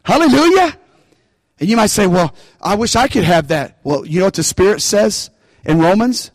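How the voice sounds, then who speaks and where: Guy preaching, high voice, dry close sound, keeps asking the crowd to say amen. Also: normal speed, no echo, poor audio. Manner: call-and-response preaching, bursts of emphasis. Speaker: pastor. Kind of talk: sermon.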